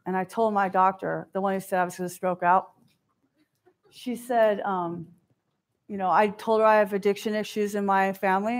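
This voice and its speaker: A woman giving a keynote talk, telling a personal story in an animated way and acting out the quoted voices. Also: mid-range voice. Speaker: keynote speaker. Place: stage before an audience.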